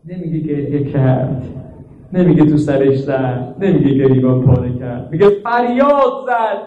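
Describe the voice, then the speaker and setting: A man preaching an emotional mourning sermon, moving from quiet storytelling to high chanted lament and prayer. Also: roomy sound, highs cut off. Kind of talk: Shia mourning sermon with Arabic recitation and prayer.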